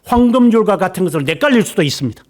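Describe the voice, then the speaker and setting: A middle-aged man preaching a sermon as pastor, firing rhetorical questions at the congregation and swinging from a raised voice down to hushed near-whispers. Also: high voice, animated, racing.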